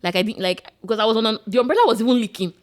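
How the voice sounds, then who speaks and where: A young Nigerian woman co-hosting a podcast, telling a rambling, animated story in casual chat. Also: fairly high pitch, racing. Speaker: podcast co-host.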